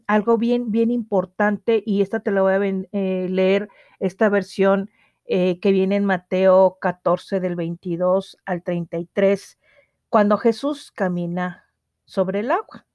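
An earnest woman speaks to her listener on a devotional podcast. She reads passages at a steady pace and turns to them with direct questions. Her voice sits at a middle pitch, recorded close and dry with no room sound. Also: takes it slowly, no echo, highs cut off. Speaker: podcast host.

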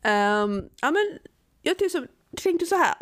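A woman co-hosting a podcast, chatting casually about a film and acting out little quoted reactions. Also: high-pitched. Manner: lively, acts out quoted reactions. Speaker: podcast co-host.

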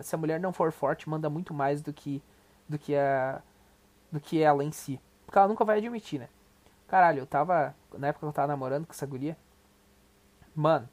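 A man's voice: a little high, a little mellow. A young adult man with a Brazilian accent, hosting a podcast and giving casual, profane, rambling reaction commentary. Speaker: podcast host.

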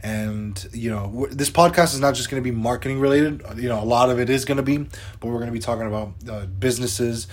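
Talking fairly quickly at medium pitch, this twenty-something podcast co-host keeps the conversation relaxed and cheerful. His speech is loose and packed with filler words.

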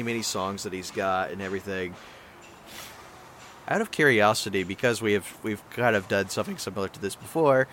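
A man's voice: sits low, a bit bright, slight background noise. Chatty man narrating a tabletop game. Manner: chatty, rambling narration with asides. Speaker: game master.

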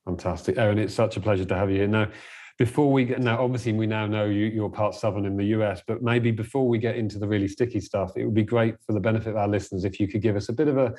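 Mellow-voiced English male host. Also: on the low side. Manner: polite, measured, slightly formal. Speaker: podcast host. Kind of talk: podcast interview.

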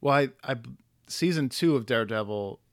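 A man of medium pitch chats casually on a podcast, often stumbling over his words and restarting. He fills gaps with "you know" and "like". His voice is recorded dry and close. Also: lively intonation, moderate pace, no echo. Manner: hesitant, restarts, many fillers like "you know". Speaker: podcast co-host. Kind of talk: casual chat about comics.

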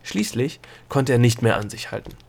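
A man reading a fantasy audiobook chapter as narrator in an even, measured way. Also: medium pitch, vocal fry, slight background noise. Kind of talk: scripted narration.

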